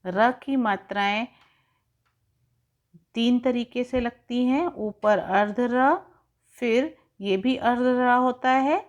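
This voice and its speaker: A woman teacher giving a recorded lesson to young pupils, slowly spelling out and stretching sounds to show how words are said. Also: a little high. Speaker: primary school teacher. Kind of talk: slow, carefully articulated recorded lesson. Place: home, recording an online class. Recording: dull lo-fi recording.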